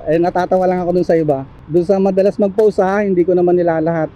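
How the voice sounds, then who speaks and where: The voice is a man's, high-pitched, fast, and fairly even in intonation, with the highs cut off. He is a Filipino delivery rider vlogging casually on the streets, laughing often, apologizing jokingly, and ending sentences with little tag questions.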